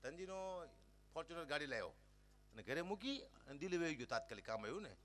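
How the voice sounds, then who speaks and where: A man's voice: a little high, quick pace. A man telling comic folk stories on stage and acting out the characters with lots of energy. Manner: animated, acts out characters. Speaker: folk storyteller.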